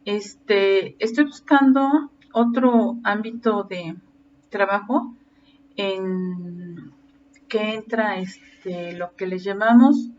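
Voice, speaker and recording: A woman's voice: medium pitch, very slow, darkish tone. A woman lecturing teacher trainees in an explanatory way, with frequent fillers and restarts. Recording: distant muffled mic with faint ambient noise.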